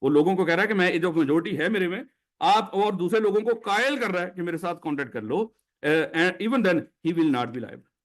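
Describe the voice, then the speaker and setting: A man with a Pakistani Urdu accent gives a classroom lecture, explaining by putting questions to his students. His voice sits high and moves at normal speed.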